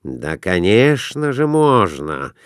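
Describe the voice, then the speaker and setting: A man voicing a calm middle-aged captain who gives quiet, persuasive advice. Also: lowish voice, slow pace, dry recording, clean studio sound. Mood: coaxing.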